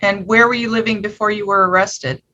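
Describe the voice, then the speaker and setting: A woman's voice: medium pitch, steady tone, brisk, pushed and bright, dull audio. A woman questioning a defendant as a judge, patient and plain-spoken.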